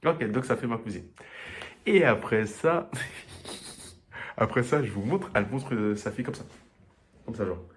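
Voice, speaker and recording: A young man vlogging, telling animated stories with frequent laughter and acted-out quotes. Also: mid-range voice, measured pace, pauses often, slight background noise. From Comoros family, raised in France. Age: young adult. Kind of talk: storytelling travel vlog.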